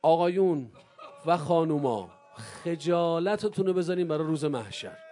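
A male preacher delivering an impassioned mourning sermon, swinging from low murmurs to loud cries. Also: animated.

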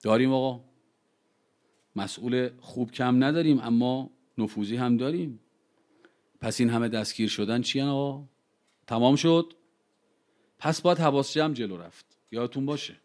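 A man giving an impassioned speech to a gathering. He fires rhetorical questions at the listeners, slows right down to stress key phrases, and tells anecdotes with quoted dialogue. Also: mid-range voice. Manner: lively storytelling with quoted dialogue. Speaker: public speaker addressing a gathering.

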